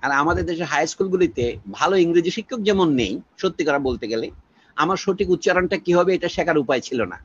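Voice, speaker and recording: A man's voice: a little high, animated, fast, slightly rough, highs cut off. An older man from Bangladesh giving long, wry, discursive interview answers that drift through proverbs and remembered textbook lines. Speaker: interviewee, scholar.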